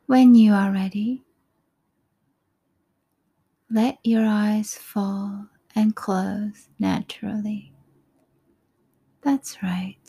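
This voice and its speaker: Speaking at a medium pitch, a woman leads a breathing meditation very slowly and soothingly. Her soft, breathy voice often drops close to a whisper, mellow and frequently creaky, with calm pauses between short phrases.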